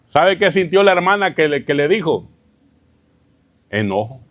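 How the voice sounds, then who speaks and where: Higher-voiced man preaching a sermon. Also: very animated, unhurried, a bit bright, dry recording. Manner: keeps asking the congregation rhetorical questions, addresses them as "hermano"; tells anecdotes with a chuckle, informal preaching. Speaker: pastor. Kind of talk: sermon teaching.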